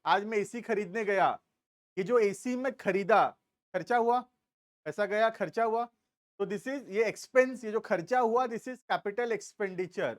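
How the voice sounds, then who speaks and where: A man with an Indian accent teaching a commerce class, explaining slowly and stopping to check that students follow. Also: high-pitched, no room sound, studio quality. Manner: explains slowly, asks checking questions, drawls key terms. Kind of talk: classroom lecture.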